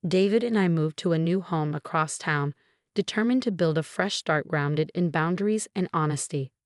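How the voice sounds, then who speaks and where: Female story narrator, measured scripted read, low pitch, dry close sound. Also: no room sound.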